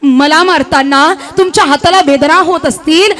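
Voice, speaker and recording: A woman's voice: sits high, moderate pace, background noise. A woman from Maharashtra giving a kirtan sermon, telling a devotional story and acting out its characters' dialogue dramatically. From Maharashtra, India. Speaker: kirtan preacher.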